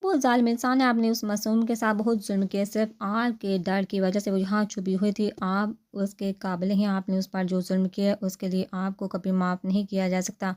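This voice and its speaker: A woman's voice: medium pitch, flat delivery, few pauses, darkish tone, lightly acted. A woman doing an indignant scolding woman. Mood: accusing. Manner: accusing, scolding. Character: indignant protective older woman.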